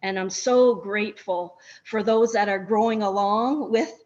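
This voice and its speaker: A woman's voice: mid-range voice, unhurried, a little mellow, highs cut off. A woman doctor, a guest in an interview, speaking in an earnest, grateful, inspirational way. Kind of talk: conversational interview.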